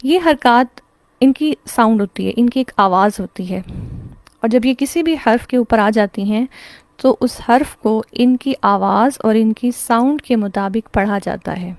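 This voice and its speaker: A woman's voice: on the high side, no room sound. A woman with a Pakistani Urdu accent teaching an online class on Quran recitation, explaining step by step by asking and answering her own questions.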